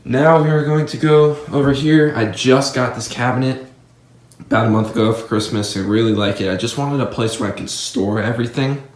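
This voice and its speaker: A man's voice: mid-range voice, a little fast. A seventeen-year-old young man talking casually through a gaming setup tour in his bedroom, rambling and chatty, filmed on a handheld phone. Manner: rambling, chatty, filler-heavy. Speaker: gaming YouTuber. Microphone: phone camera held in hand. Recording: echoey room on a phone mic.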